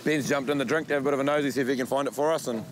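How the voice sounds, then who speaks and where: A man with a broad New Zealand accent chatting casually and excitedly while out fishing as a presenter. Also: mid-range voice, racing. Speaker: kayak fishing show presenter. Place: outdoors on the sea, in a kayak or small boat. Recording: outdoor boat and water noise.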